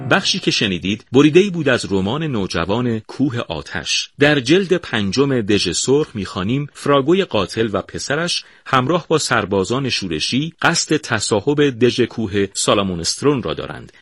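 A man's voice: mid-range voice, big pitch swings, few pauses, a bit bright, slightly rough, no echo. A man reading a youth novel excerpt aloud as scripted narration, then introducing the book.

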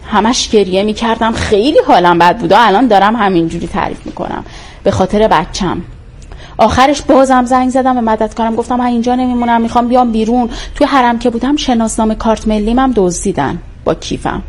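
A woman recounting her own hard experiences as a mother, speaking haltingly with pauses and hesitations. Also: a little high, darkish tone. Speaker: interviewee telling her own story. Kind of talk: personal testimony.

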